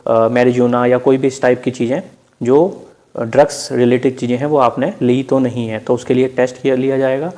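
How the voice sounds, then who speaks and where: In a mellow, mid-range voice, an exam preparation presenter with an Indian accent narrates a casual explainer over on-screen slides. He speaks to listeners as friends and drops in English terms as he teaches.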